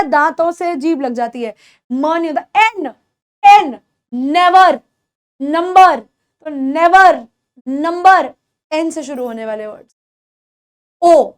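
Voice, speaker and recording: A young Indian woman teaching beginners English pronunciation, a Hindi speaker who says example words over and over and checks that students follow. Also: very high voice. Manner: patient, repeats example words slowly and checks understanding.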